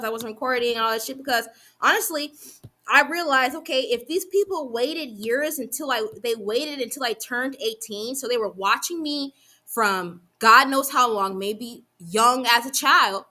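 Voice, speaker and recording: A young woman venting heatedly to the camera, swearing often and rushing through run-on sentences with frequent restarts. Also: high voice, bright, forceful tone. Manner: heated and profane, rapid run-on talk with restarts. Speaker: vlogger. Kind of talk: angry venting monologue.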